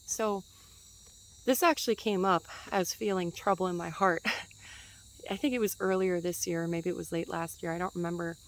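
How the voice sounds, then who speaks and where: A woman's voice: lowish voice, fairly even intonation, normal speed, poor audio. Chatty young woman teaching outdoors. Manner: chatty and meandering, with frequent fillers and light laughter. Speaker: spiritual teacher. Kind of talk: casual spiritual teaching to camera. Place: outdoors in a forest.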